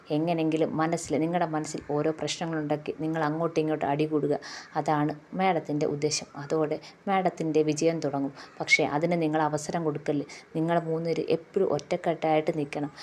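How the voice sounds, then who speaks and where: A woman with a Malayali accent, quickly retelling a TV serial episode and quoting each character's lines in her own voice. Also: low-pitched, warm tone, a little hiss or hum.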